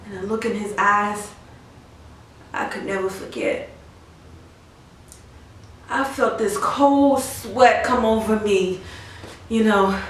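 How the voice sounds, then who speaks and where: A freshly widowed young mother, played by an actress in a stage monologue speaks slowly and haltingly from well back from the mic. Her voice rings through a very echoey room, hushed and numb, with pauses that give way to anguished cries. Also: mid-range voice, recorded from a distance, lightly acted. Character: grieving young mother, newly widowed soldier's wife. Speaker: actor performing a dramatic monologue.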